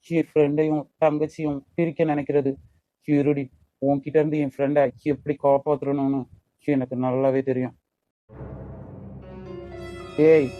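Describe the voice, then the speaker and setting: A man's voice: a little high, mellow, dry recording, lightly acted, low-quality recording. A man voicing a protective, teasing older brother in a cartoon, with a Kanyakumari Tamil accent. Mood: stern. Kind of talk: amateur cartoon voice acting.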